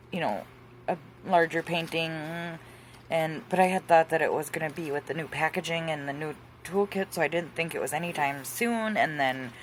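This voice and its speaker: A woman's voice: low-pitched, slight background noise. A middle-aged woman chatting casually about her crafts at home, rambling with plenty of fillers and asides. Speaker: craft vlogger. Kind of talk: casual chat. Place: hot home room with a fan running.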